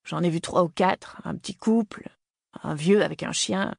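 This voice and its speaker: A man's voice: sits high, normal speed, gravelly, husky, dry recording, clean studio sound, exaggerated voice. A man reading an audiobook voices a nervous, slangy nineteen-year-old hiker who is half stoned. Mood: defensive. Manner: slangy, defensive, mumbling.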